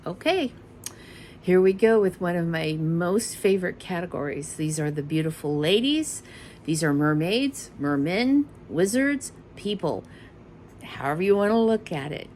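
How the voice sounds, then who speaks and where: A woman's voice: on the low side, lively intonation, unhurried, darkish tone, slight background noise, poor audio. A middle-aged woman chatting casually and rambling a bit as she shows off her craft kits, often correcting herself mid-sentence. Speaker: cross-stitch vlogger. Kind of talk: casual show-and-tell chat.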